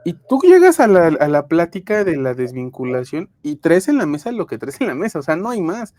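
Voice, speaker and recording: A woman's voice: on the low side, very animated, a little fast, mellow, no echo. A Mexican woman co-hosting a podcast, explaining human resources in a frank casual chat with many fillers and restarts, connecting remotely from home. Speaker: podcast co-host, HR professional.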